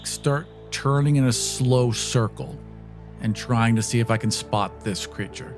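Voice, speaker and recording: A man playing a tabletop roleplaying game casually narrates what his character does, speaking at medium pitch in an unhurried way, with background music playing behind him.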